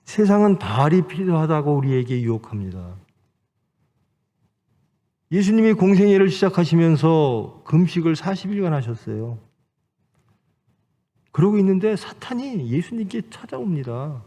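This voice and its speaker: A man's voice: fairly high pitch, big pitch swings, normal speed, pauses often, warm tone. A man, a pastor, preaching a Sunday sermon with emphatic rhetorical questions and exhortations. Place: church sanctuary. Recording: long church hall reverb.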